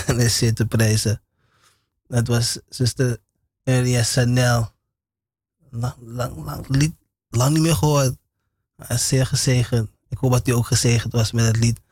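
A man's voice: mid-range voice, darkish tone, no echo, clean studio sound. A man preaching an informal radio sermon, repeating phrases with many amens and short laughs.

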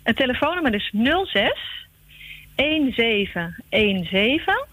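A woman heard over a telephone line, a guest explaining her group's work in a calm way with frequent pauses. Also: on the high side, dry recording. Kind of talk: radio phone-in interview.

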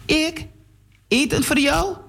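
A man's voice: medium pitch, animated, unhurried, breathy edge. A man voicing a selfish schoolboy in a children's story who mumbles his mocking replies.

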